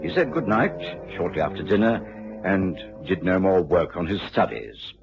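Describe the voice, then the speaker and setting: An English actor voices Doctor Watson, a courteous, easily astonished gentleman doctor who narrates in a 1950s BBC radio drama. His voice sits low and is gravelly yet expressive, keeping a moderate pace for measured storytelling. The vintage recording sounds dull and includes music.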